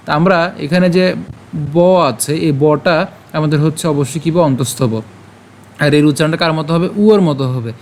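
Male teacher, fairly high voice, slow verse chanting, patient questions, faint hiss. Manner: patient explaining with rhetorical questions. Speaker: Gita recitation teacher. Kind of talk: pronunciation lesson.

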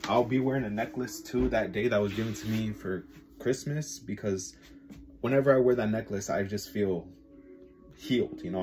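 A young man talks straight to his viewers in a loose, rambling vlog, full of fillers and excitement. His voice sits a little low. A music track plays clearly underneath him. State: sleepy, just woken up. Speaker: vlogger. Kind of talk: casual vlog chat.

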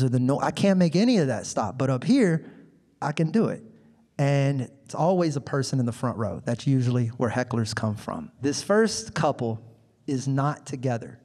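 A man doing stand-up comedy on a club stage into a handheld mic, telling stories in an animated, conversational way. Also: mid-range voice. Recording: long reverb of a comedy club.

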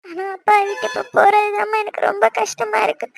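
A woman's voice: very high voice, quick pace, a loud crowd. A woman voicing a young bride and elder sister, bossy with her brother and tender toward her father. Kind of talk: cartoon voice acting.

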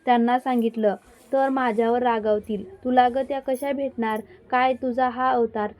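A woman's voice: on the high side, fairly even intonation, normal speed, darkish tone, lightly acted. Woman reading as a polite palace maid. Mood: cautious. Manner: questioning, polite. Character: palace maid, questioning, then pleading.

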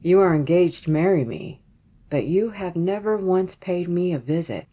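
A woman voicing a rich, sinister bridegroom in a fairy tale, speaking flatly and insistently. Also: lowish voice, normal speed.

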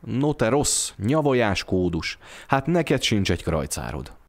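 A man's voice: fairly low pitch, sing-song. A man voicing a poor, frail young mother who keeps joking through hard times, told in an audio storybook. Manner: playful, jokes through poverty.

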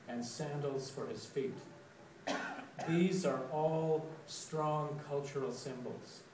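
A man giving a sermon reflection, telling a story slowly and deliberately. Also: on the high side, a little mellow, a little hiss or hum. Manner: slow, deliberate storytelling, with dramatic quoted outbursts. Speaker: preacher. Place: church sanctuary. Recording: echoey church, recorded from a distance.

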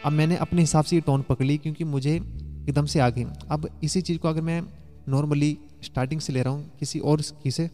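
A man's voice: fairly high pitch, steady tone, a little fast, long reverb tail. A man teaching a keyboard lesson in a chatty way, explaining step by step and sometimes humming song lines. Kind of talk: casual spoken music lesson. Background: faint keyboard music.

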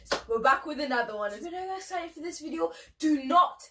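A woman's voice: high voice, lively intonation, brisk. A young adult woman with a British accent, playfully hosting a casual vlog challenge. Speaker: host of a challenge video. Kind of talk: casual vlog, calling out words. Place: small furnished room indoors. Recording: distant mic, clearly noisy.

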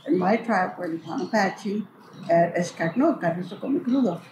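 With a lowish, animated voice at normal speed, an older storyteller and community elder reminisces informally, taking her time and repeating phrases for weight. She speaks in a spacious, echoey hall of a cultural building where background noise comes through clearly.

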